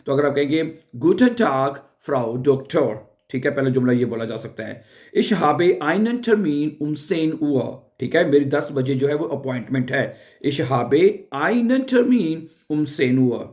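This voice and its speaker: A man teaching German phrases for a doctor's visit. He says each phrase slowly, repeats it, and often checks in with the learners. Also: mid-range voice, a little mellow. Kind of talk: explaining a language lesson.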